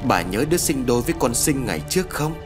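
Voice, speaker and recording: A man voicing a remorseful old peasant father who confesses in a trembling, halting way. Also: medium pitch, sing-song, over music, close to an everyday voice.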